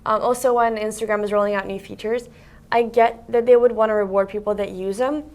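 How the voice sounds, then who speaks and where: A woman's voice: medium pitch, fairly even intonation, fairly quick, darkish tone. A young woman from Russia talks casually as an interview guest. Her speech is chatty and loose, full of "like" and "um." She sits at a table in an office meeting room. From Siberia, Russia. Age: young adult. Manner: chatty, lots of "like" fillers. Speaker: guest, content creator.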